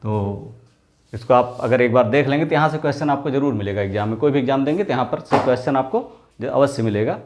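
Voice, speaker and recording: Male tutor at a mid pitch, drilling words over and over with quick questions to the class. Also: expressive. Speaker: teacher. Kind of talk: exam-prep lesson.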